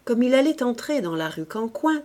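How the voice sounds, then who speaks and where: A woman reading a classic novel aloud as an audiobook narrator, in a measured and expressive way. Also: fairly high pitch. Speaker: audiobook reader.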